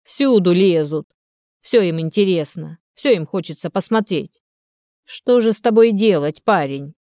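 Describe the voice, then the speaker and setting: A woman voicing a hoarse, half-drunk old male canal watchman who grumbles slowly and muses aloud. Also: on the low side, animated, mellow, no room sound, studio quality. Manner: grumbling, slow and musing.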